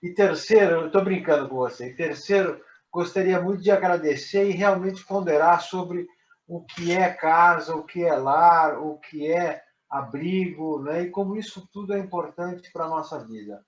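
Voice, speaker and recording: Man, fairly high voice, emphatic, echoey room, muffled with faint hiss. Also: moderate pace. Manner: teasing, then earnest and emphatic. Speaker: meeting participant. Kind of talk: casual group discussion.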